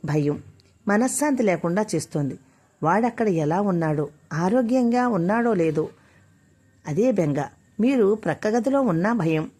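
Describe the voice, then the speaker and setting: A woman voicing a distraught middle-aged mother who is fearful and quick-tempered, speaking in a tearful, pleading way. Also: mid-range voice, warm tone, natural voice.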